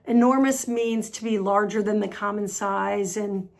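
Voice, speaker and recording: A woman teaching English pronunciation, drilling words slowly and repeating each one carefully. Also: medium pitch, steady tone, vocal fry. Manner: slow, deliberate word drills with repetition. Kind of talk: pronunciation lesson.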